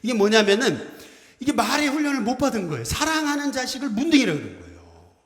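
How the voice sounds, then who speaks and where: In a church sanctuary, a middle-aged senior pastor with an extremely high-pitched voice talks fast as he preaches a Sunday sermon. He's lively, acting out quoted phrases and leading the congregation in call-and-response greetings, all with the long reverb of an echoey church hall.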